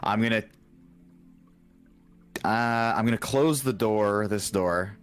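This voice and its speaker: A man's voice: fairly low pitch, slow pace, clear, resonant tone. A man playing a tabletop game, rambling as he describes his moves. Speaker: player. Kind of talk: casual tabletop game talk.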